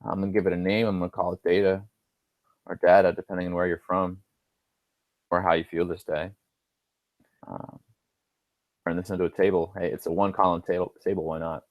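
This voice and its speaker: A man's voice: sits low, level tone, brisk, long pauses, no echo, muffled recording. A male instructor talking through homework answers on screen, casual and thinking aloud with dry little asides. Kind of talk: screen-recorded homework walkthrough.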